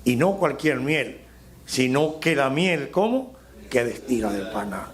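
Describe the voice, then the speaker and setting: A middle-aged Dominican man preaching a sermon as pastor, slowing down and rising on key phrases for emphasis. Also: medium pitch, expressive. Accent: Dominican Spanish. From Dominican Republic.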